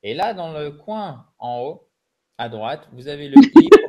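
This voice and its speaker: A man's voice: on the high side, big pitch swings, unhurried, a little mellow. A man with a French accent giving a bilingual lesson, chatty and joking as he explains each step. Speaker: English teacher.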